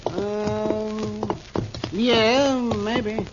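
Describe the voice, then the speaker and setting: An actor playing a crusty, brisk, muttering American frontier doctor in a 1950s radio western. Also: male voice, sits high, flat delivery, music in the background. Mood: wry. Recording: muffled, noisy vintage radio recording.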